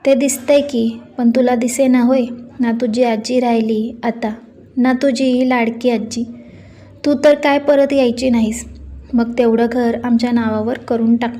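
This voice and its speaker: A woman's voice: a little high, level tone, unhurried. A woman voicing a greedy, scolding middle-aged aunt who taunts her niece. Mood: taunting. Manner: taunting, sharp-tongued.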